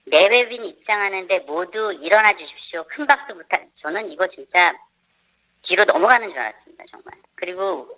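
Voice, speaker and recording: Anonymous parent guest, a woman with her voice disguised lower by a voice changer, lively and bright-edged, indignant and listing faults. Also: fairly quick, poor audio. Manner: indignant, lists complaints point by point. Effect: voice disguised by a pitch changer. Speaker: parent of a camp participant. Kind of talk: live radio interview guest.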